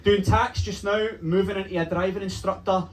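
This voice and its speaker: A young man with a Glaswegian Scottish accent doing a stand-up comedy set in a club, telling punchy stories with swearing and acting out shouted lines. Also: high voice, steady tone, a little fast, a crowd in the background, low-quality recording. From Glasgow, Scotland. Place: comedy club with a live audience. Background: audience laughter.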